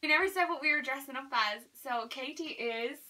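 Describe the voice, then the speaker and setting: A woman's voice: sits high, fairly quick, bright, forceful tone. A young woman vlogging casually with friends, giggly and dramatic, squealing often. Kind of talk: casual chat. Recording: slightly distant camera mic with faint hiss.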